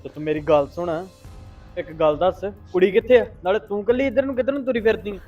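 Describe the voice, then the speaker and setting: A man acting as a protective, insistent brother in a family drama, quick-talking and fairly high for a man. The recording is dull and lo-fi with faint music under it. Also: a little mellow. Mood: concerned. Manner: insistent, pleading, reassuring.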